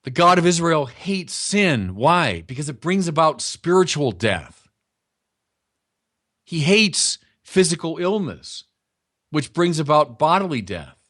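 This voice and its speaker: Lively conversational male preacher. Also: fairly high pitch, slow. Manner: conversational, emphatic, repeats key points. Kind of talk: sermon.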